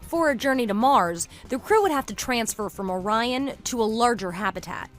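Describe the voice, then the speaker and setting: A woman correspondent giving scripted news narration in a measured, even delivery. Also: fairly high pitch. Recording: voice-over with loud background music.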